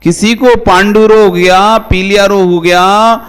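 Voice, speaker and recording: A man's voice: high-pitched, steady tone, unhurried, fairly bright tone, clean tone, long reverb tail. A man, a monk, giving a conversational sermon, asking his listeners rhetorical questions and calling on them by name. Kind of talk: devotional sermon.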